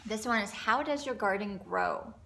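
A woman's voice: medium pitch, normal speed, bright, forceful tone. A middle-aged woman teaching preschool circle time in an encouraging, instructional kindergarten teacher voice, as if speaking to young children. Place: indoor classroom.

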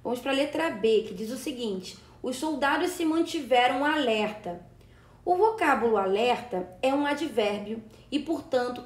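Brazilian woman teacher, high voice, patient step-by-step explainer, echoey room. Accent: Brazilian Portuguese. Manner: explanatory, checks in with "né" and "tá". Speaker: Portuguese teacher. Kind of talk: exam-prep lesson. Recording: roomy echo.

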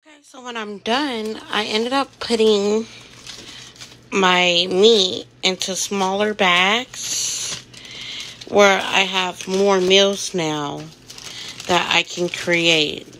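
A woman's voice: medium pitch, steady tone, drawn-out words, bright, forceful tone, a little hiss or hum, rough recording. A woman vlogging casually on a handheld phone in a large indoor gym. She is chatty, laughs at herself and swears casually. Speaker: lifestyle vlogger. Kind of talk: casual vlog talk to camera. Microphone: handheld phone close up.

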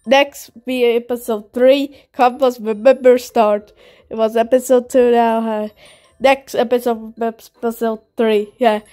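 A woman playing a pet game and voicing the pets in a playful, halting, sing-song way with broken phrasing. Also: a little high, steady tone, mellow, faint music behind. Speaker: game video maker.

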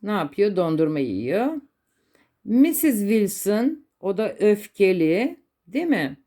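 A woman English teacher with a Turkish accent, explaining simple adjectives in Turkish and stressing slow, repeated English examples for learners. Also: medium pitch, sing-song, dark tone.

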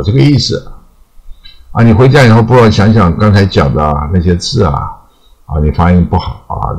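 A man's voice: deep voice, a little mellow, low-quality recording. An older man giving an informal, rambling spoken English lesson, chatty, with frequent trailing particles. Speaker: English teacher.

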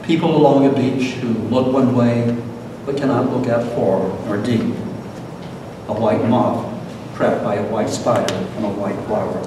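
An older man, hosting an event, delivers a scripted public lecture from a lectern in a meeting room, his voice fairly even in intonation and a little slow. The camera sits far away, so the hall sounds very echoey, with a noisy rumble underneath.

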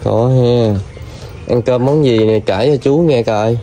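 A man's voice: mid-range voice, slow pace. Coaxing man interviewer. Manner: gentle, coaxing questions with many fillers. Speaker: vlogger interviewing a child. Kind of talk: casual street interview. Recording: outdoor video with noticeable background noise.

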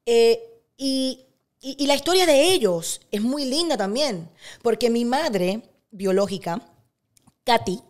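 A middle-aged woman with a Cuban accent, a guest in an interview, telling personal stories in a lively way. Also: fairly high pitch, takes it slowly. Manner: animated storyteller who acts out quotes. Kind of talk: casual interview storytelling.

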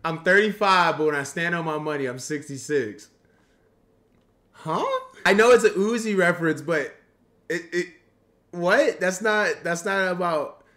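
A man's voice: high voice, unhurried, fairly bright tone. A man in his twenties reacting to a video on a live stream, laid-back and chuckling as he talks to his chat on a headset in a home studio. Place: home studio room with shelves.

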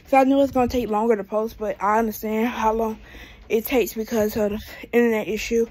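Holding her phone at arm's length, a twenty-two-year-old American woman paces indoors in a small room at home, rambling through casual vlog talk. She speaks briskly in a rather high, slightly mellow voice with little pitch movement.

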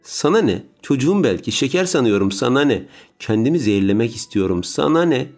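Man doing a mad rebellious teen boy yelling back, storybook. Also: mid-range voice, very animated, fairly quick, faint music behind, pitched above the performer's own voice. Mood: defiant. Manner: shouting, defiant. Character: angry rebellious teenage boy.

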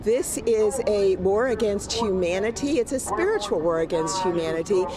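A woman's voice: mid-range voice, lively intonation, moderate pace. A woman interviewed at an outdoor street protest, talking earnestly and intensely. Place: busy city street outdoors. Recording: crowd noise behind.

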